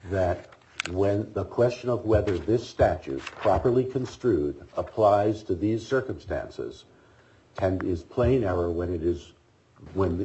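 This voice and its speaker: A man arguing an appeal as defense attorney, speaking in a measured, formal way while coming down with a cold. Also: low voice, dark tone, slight background noise. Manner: measured, formal legal argument. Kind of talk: oral argument before a court. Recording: dull lo-fi courtroom audio.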